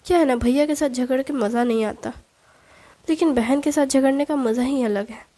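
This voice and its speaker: A woman's voice: sits high, normal speed, mellow. A woman doing a chatty cheerful young girl. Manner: eager, chatty.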